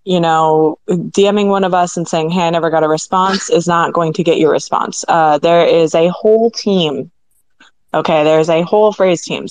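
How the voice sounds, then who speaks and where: A woman's voice: on the low side, a little mellow, dry recording, rough recording. Drawling, teasing woman host. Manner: teasing, emphatic, drawn-out phrasing. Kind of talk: casual online audio chat.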